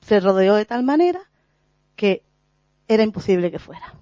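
Woman, earnest religious talk, animated pitch, mellow tone, dull lo-fi sound. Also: no echo. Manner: earnest, halting, many restarts and fillers. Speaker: lay preacher sharing a spiritual reflection. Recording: dull lo-fi recording.

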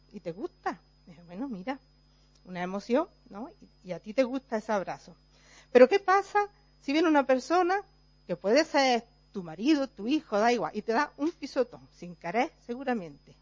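A woman's voice: a little high, no room sound. Woman, constantly checking "right?". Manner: explains step by step, tagging nearly every phrase with a questioning "right?"; acts out everyday examples to illustrate. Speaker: teacher speaking to a group. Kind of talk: informal talk to a group. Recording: dull, dry, lo-fi recording.

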